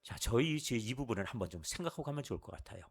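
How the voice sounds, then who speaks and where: A man's voice: medium pitch, rapid-fire, slightly rough. A male pastor giving a sermon at a Friday church service, asking the congregation question after question. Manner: animated, rhetorical questions to the congregation.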